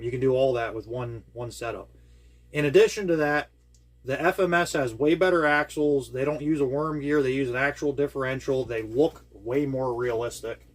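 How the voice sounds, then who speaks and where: A man hosting his own hobby channel, walking through a build in a casual, enthusiastic way, rambling and full of ums and uhs, talking indoors at home. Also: medium pitch. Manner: enthusiastic, rambling with many fillers. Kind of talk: casual product walkthrough. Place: indoors at home with air conditioning.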